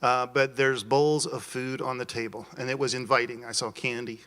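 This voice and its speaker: A man's voice: mid-range voice, steady tone, moderate pace, pushed and bright. A man, out of breath, giving blunt, eager feedback after playtesting a game. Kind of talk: post-game feedback chat.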